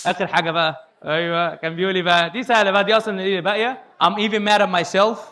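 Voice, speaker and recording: A young man with an Egyptian Arabic accent teaching English in a lively, playful way to a live audience, laughing often as he quizzes them. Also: sits high, rapid-fire. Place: youth hall with a live audience.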